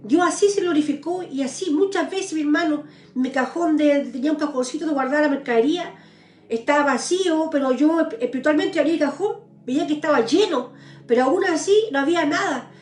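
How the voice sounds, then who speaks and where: Give me an earnest high-voiced woman. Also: brisk, roomy sound. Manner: earnest, tearful pleading prayers, addresses listeners as brothers. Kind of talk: live-streamed personal testimony.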